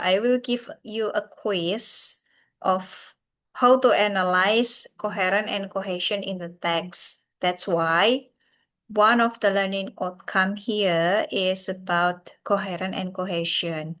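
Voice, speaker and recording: A university lecturer from Central Java, Indonesia, gives a recorded English lecture in a Javanese accent, frequently pausing with "uh" and "yeah" and calling the class "everyone." Her voice is mid-range and a bit bright.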